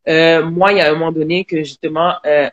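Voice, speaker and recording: A woman with a Quebec French accent, a guest telling her own story in an online live interview, halting with many restarts. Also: deep voice, fairly even intonation, lo-fi sound.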